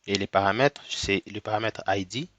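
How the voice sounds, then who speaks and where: Here a cold-stricken programming tutor guides viewers through code in a screen recording, moving slowly step by step and checking in with "ok?" again and again. The voice is lowish and a bit bright, and there's no room sound.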